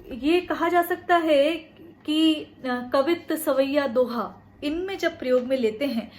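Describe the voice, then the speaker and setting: A woman college lecturer giving an explanatory phonetics lesson in speech, with frequent pauses and fillers. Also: high voice.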